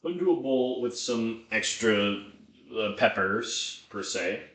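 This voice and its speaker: Slow-paced but animated, this livestreaming cook has a fairly low, fairly bright voice. He rambles casually to himself and viewers, thinking out loud with some swearing, and the room sounds echoey.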